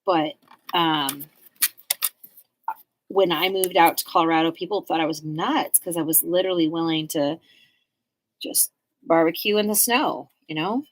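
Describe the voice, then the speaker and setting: A woman in her forties from Southern California chats while making art on a live stream. Her voice sits a little low. She rambles loosely, dropping plenty of "like"s along the way. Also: unhurried, pauses often. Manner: rambling and chatty, full of likes. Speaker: artist hosting a live stream.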